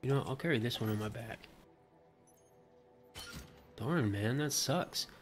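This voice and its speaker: A man livestreaming a video game, casually thinking aloud in a low-key way as he plays. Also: unhurried. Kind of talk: casual play-by-play gameplay commentary. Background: faint game music.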